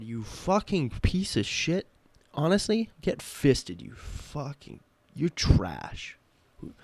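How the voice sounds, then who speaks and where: A man rants furiously while opening trading card packs, cursing at nearly every line. His voice sits at an ordinary middle pitch and sounds dry and close, with nothing echoing around it. He jumps from loud outbursts to low grumbling mutters. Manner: angry profane ranting, swings from loud outbursts to low muttering. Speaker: card-opening channel host. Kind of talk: ranting booster pack opening.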